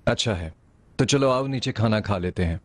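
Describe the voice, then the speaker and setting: A calm supportive young man. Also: fairly low pitch, moderate pace, dry recording. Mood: firm. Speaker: dubbed actor. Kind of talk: dubbed TV drama.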